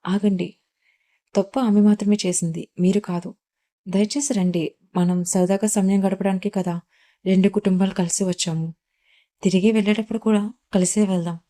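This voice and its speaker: A woman's voice: mid-range voice, fairly even intonation, moderate pace, long pauses, dark tone, close to an everyday voice. A woman reading the part of a rich young businessman who speaks in a curt, firm way. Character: rich young businessman, cold then pleading.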